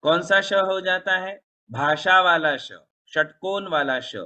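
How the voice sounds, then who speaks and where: Male spiritual teacher, slow deliberate delivery, bright tone, patient questioning style. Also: high-pitched. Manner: patient, explanatory, repeats words slowly for pronunciation; asks the audience questions often. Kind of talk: religious discourse lesson.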